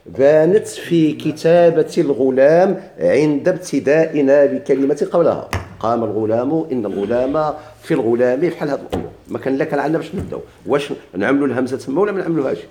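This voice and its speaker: Moroccan male teacher, raised pitch, mellow tone, quizzes and answers himself. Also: animated, reverberant, a little hiss or hum. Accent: Moroccan Arabic. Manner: asks questions and answers them himself; repeats key words slowly for emphasis. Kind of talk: grammar lesson in dialect.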